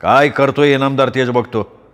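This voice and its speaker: A man's voice: mid-range voice, moderate pace, long reverb tail, close to an everyday voice. A male storyteller playing a fierce, burly village guard who talks bluntly and defiantly. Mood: scornful.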